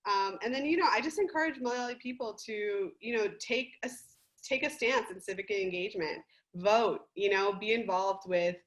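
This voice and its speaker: A young woman from the United States, a guest on a casual podcast, talking in an animated, gushing way and laughing often. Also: mid-range voice, moderate pace, dull audio.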